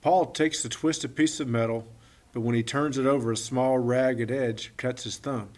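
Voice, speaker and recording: A man giving an expressive storybook narration in the first person. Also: medium pitch, moderate pace. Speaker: audiobook reader.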